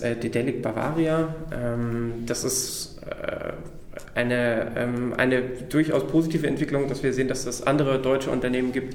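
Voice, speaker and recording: A man being interviewed, explaining things conversationally with hesitant pauses, recorded in a room. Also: mid-range voice, darkish tone. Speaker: interview guest, games funding project manager. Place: echoey room in an office building. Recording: echoey room.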